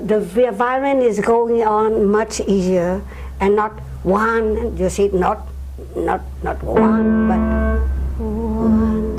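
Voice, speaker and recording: An older woman, a piano teacher, speaking halting non-native English in an interview and counting beats aloud. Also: medium pitch, rough recording. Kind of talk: interview with demonstration.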